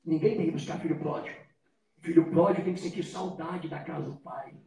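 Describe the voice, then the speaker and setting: A Brazilian man preaching a sermon, telling the story dramatically, acting out the scenes and breaking into sudden shouts. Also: on the high side, fairly even intonation, brisk, creaky. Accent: Brazilian Portuguese. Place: large church hall. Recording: echoey hall, distant mic.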